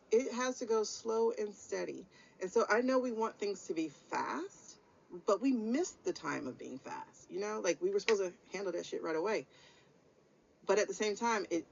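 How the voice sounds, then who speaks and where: This tarot reader, a woman from the United States, has a mid-range voice that's slightly rough with vocal fry. Her weekly reading is an informal spiritual guidance chat, blunt but encouraging and lightly profane. It's recorded in dull lo-fi.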